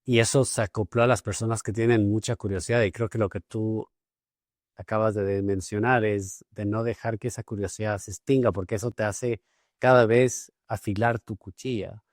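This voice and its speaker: A man's voice: on the low side, steady tone, normal speed, no room sound, studio quality. A man hosting a podcast interview, talking thoughtfully with many hesitations and repeated words. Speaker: podcast host. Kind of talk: casual interview conversation.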